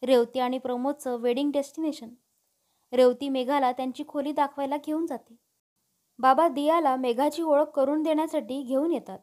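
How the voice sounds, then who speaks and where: A woman narrating a family story in a steady, expressive reading. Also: high voice, normal speed.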